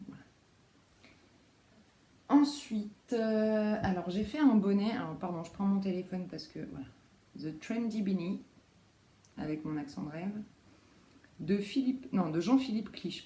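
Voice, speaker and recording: A woman's voice: on the low side, dark tone. A woman vlogging casually about her knitting, rambling with lots of fillers and correcting herself as she goes. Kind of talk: casual show-and-tell chat. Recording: roomy echo, faint background noise.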